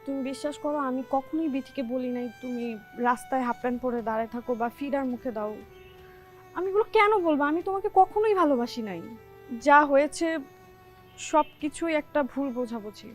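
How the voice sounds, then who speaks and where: A young bride in a TV drama, sharp and exasperated, as an actress plays her. Her voice sits high. Faint music plays behind her. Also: fairly quick, natural voice. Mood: pleading. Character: young bride, fed-up and firm. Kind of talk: TV drama acting.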